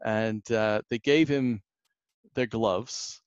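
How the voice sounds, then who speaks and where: A man's voice: on the low side, fairly even intonation, takes it slowly, smooth, dry recording, highs cut off. A man, rambling through a casual podcast anecdote with many fillers. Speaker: podcast guest.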